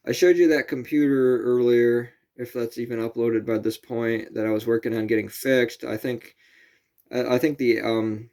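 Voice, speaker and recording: A man's voice: medium pitch, fairly even intonation, normal speed, mellow. A man vlogging casually outdoors at night near a camper, rambling and correcting himself as he goes.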